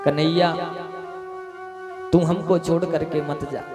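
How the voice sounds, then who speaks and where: A tender village mother speaks in rustic words, begging her son not to leave, as a male preacher puts her on. The voice sits a touch high and moves slowly. It rings in a reverberant hall with music playing behind. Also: flat delivery. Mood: pleading. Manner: pleading, rustic speech.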